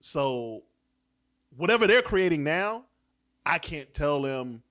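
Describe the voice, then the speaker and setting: A man's voice: a little high, very animated, slow pace, a bit bright. A man arguing his point in a casual podcast debate, often asking rhetorical questions.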